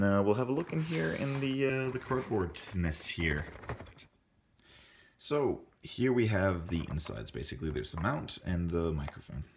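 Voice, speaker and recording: A tech reviewer with a very deep voice does a casual unboxing in an indoor room, speaking haltingly with plenty of ums and restarts.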